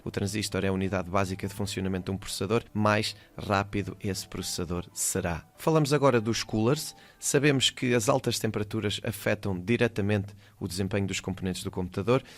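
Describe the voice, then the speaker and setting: A man with a European Portuguese accent reading a voice-over for a school project, explaining computer terms one by one. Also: lowish voice. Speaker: teacher.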